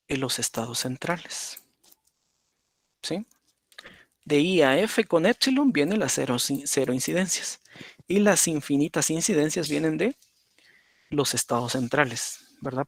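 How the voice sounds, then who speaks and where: A man's voice: on the high side, no echo. Male teacher explaining step by step. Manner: explanatory, repeats "por ejemplo" and "¿verdad?". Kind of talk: lecture on automata.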